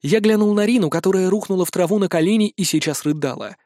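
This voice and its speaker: A man narrating a fantasy adventure in first person, brisk and wry. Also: high-pitched, a little mellow. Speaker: audiobook narrator.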